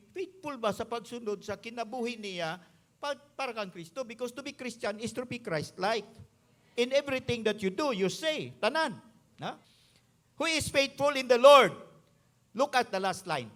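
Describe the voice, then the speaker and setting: High-voiced Visayan Filipino pastor preaching. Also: male voice, expressive, moderate pace, a bit bright. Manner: emphatic preaching, mixing English with the local language. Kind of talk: sermon.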